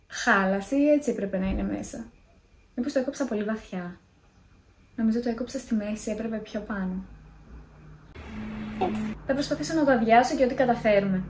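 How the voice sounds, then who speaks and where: A woman's voice: a little high, long pauses, a little mellow, roomy sound, slight background noise. A young woman in a casual vlog, chatty and self-mocking as she tells scary stories. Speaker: vlogger.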